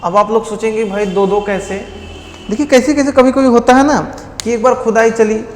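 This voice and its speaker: A man's voice: high-pitched, steady tone, moderate pace, echoey room, in a large hall, slight background noise. A man from India teaching an exam-prep history lesson, quizzing his students by repeating each key fact as a question and giving memory tricks.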